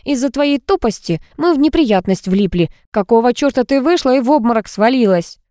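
A woman's voice: high-pitched, moderate pace, darkish tone, no room sound, clean studio sound, voice pushed up, natural voice. Woman doing a snappy young blonde liar. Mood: angry.

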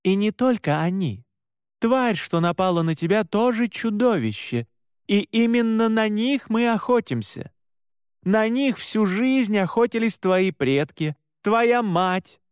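A man's voice: high voice, expressive, unhurried, clean tone, no echo, clean studio sound, voice pushed up. A man voicing a stern, blunt female monster hunter in an audiobook, firm and lecturing. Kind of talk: audiobook character voice.

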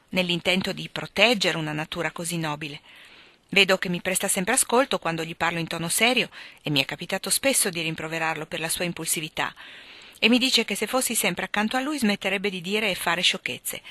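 A woman's voice: fairly low pitch, sharp tone, dry recording. A woman reading aloud, voicing an earnest, idealistic young woman who defends the man she loves. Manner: earnest, self-assured defending.

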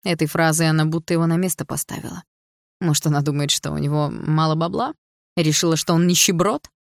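A woman reading an audiobook in an even, storytelling way. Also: sits low, brisk, creaky, no echo, clean studio sound. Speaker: audiobook reader. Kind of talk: scripted narration.

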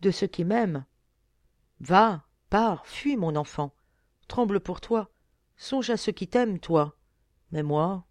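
A bitter, brooding young nobleman, resigned and weary of life, as a woman reads him aloud in a storybook. He speaks loudly over a dry, close recording, with a lively, rising and falling voice. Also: fairly low pitch, slow, pauses often, no echo.

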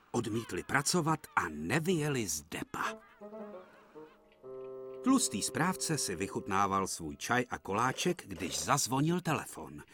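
Lively male storybook narrator. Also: fairly low pitch. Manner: lively, expressive reading. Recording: broadcast dub with music behind.

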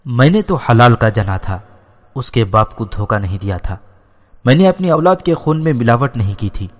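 A man's voice: mid-range voice, animated, natural voice. A man voicing a furious, proud old queen mother who scolds bluntly, in a storybook reading. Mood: angry. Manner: indignant, scolding. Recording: long hall reverb.

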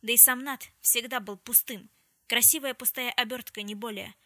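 A woman narrating a novel aloud in a steady storytelling manner. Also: on the high side, moderate pace, no room sound. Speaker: audiobook reader. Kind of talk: scripted narration.

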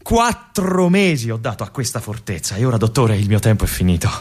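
A restless young army lieutenant, trapped in a remote fortress and brooding alone in a theatrical radio monologue. His husky, breathy voice often sinks to a whisper, with a lively, wide-ranging pitch that swings between hushed musing and agitated outbursts. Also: fairly quick. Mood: bitter. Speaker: stage actor.

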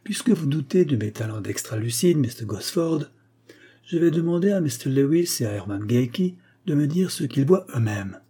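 A man voicing a composed, ironic gentleman who calmly lays out a swindler's fraud in a spoken story. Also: mid-range voice, breathy edge, voice pushed up. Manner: calm, pointed, unhurried accusation.

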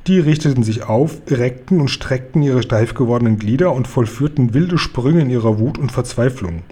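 A man reading a children's book aloud in a calm, even storytelling manner. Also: medium pitch, moderate pace, breathy edge.

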